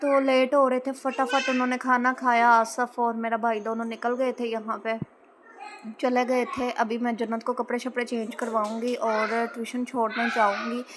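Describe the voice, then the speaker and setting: A woman's voice: on the high side, little pitch movement, normal speed, noisy background. A Pakistani woman with a Pakistani Urdu accent, chattily narrating her housewife vlog as a voice-over from a room at home. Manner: chatty, storytelling, frequent filler particles. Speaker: housewife vlogger. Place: indoor room, no fan running. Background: children playing and shouting.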